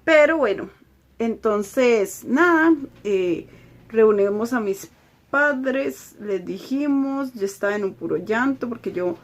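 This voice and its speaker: A young woman, telling a personal story on her vlog with a slightly high voice. She speaks emotionally and circles back to repeat her words. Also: animated, slow. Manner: emotional, repetitive retelling. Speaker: vlogger.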